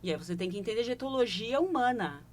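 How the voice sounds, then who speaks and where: Fast-talking and animated, a woman with a fairly high voice and a Brazilian Portuguese accent explains her leadership consulting work in a broadcast studio interview. She's reflective, often checking in with short questioning tags, and the audio carries a little hiss or hum.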